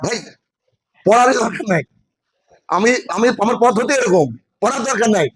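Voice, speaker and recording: An English lesson from a West Bengal teacher comes through a low-quality recording of his high-pitched, husky voice at normal speed. In a classroom with a board, he explains in steps and checks his students' understanding.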